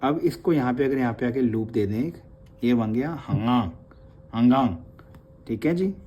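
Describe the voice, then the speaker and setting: A man teaching a Gurmukhi class, patiently repeating each letter sound slowly for his learners and mixing in English words. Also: lo-fi sound. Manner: opens with soft, low devotional recitation. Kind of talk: online class lesson.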